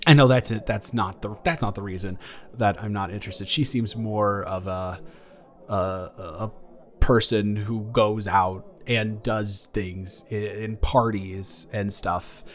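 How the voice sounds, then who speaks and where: Over background music, a young man voices an ex-boyfriend in an improvised romantic roleplay, awkwardly tender and flustered as he stammers, rambles and corrects himself. He sounds earnest and awkward, with a lowish, steady voice.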